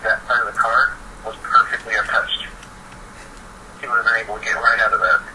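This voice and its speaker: The speaker is a teen or young adult man on a phone chat, his medium-pitched voice sharp and level and a little fast. He chats casually while keenly explaining his opinions, and the recording is noisy and distant.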